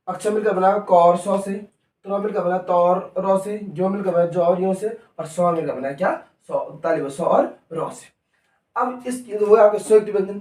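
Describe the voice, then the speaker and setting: Male tutor, high voice, repetitive call-and-response drilling; distant mic in a roomy classroom. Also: darkish tone. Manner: call-and-response drilling, repeats each answer. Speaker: teacher. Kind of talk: classroom lesson. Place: coaching classroom. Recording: echoey room, mic far off.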